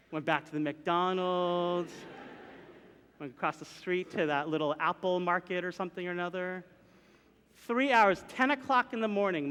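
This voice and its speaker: A young adult man, a pastor, telling a comic story in a chatty, animated way from the pulpit. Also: high voice, clear, resonant tone. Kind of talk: storytelling sermon. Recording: reverberant hall.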